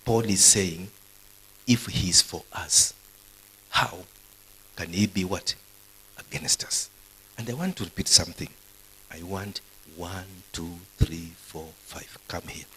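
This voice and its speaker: A man's voice: sits low, slow pace, long pauses, sharp tone, slightly rough, poor audio. A man preaching a live sermon to university students, quizzing the audience with questions as he goes. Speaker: pastor. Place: university gathering.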